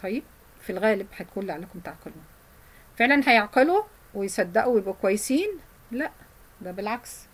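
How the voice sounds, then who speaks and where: A woman with an Egyptian Arabic accent teaching Quran memorization, explaining in casual colloquial speech and reciting verses slowly. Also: medium pitch, animated, rough recording.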